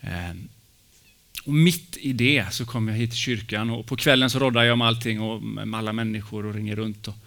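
A man's voice: fairly low pitch, fairly even intonation, vocal fry, fairly bright tone. A man, a pastor, preaching a personal, emotional sermon with many hesitations and fillers.

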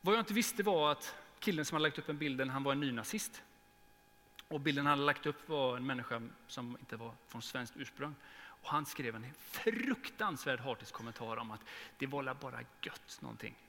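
A man's voice: mid-range voice, lively intonation. Male pastor, earnest sermon voice, faint hum in a church hall. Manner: earnest, with emotional swells and soft prayerful drops. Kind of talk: sermon with prayer.

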